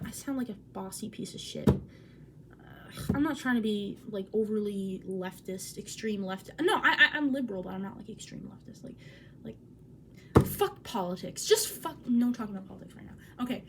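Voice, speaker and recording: A woman's voice: a little high, slight background noise. A woman in her twenties vlogging at home, talking in an awkward, rambling way, cutting herself off and swearing. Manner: awkward, self-interrupting, swears. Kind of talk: casual rambling vlog. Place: at home by a window.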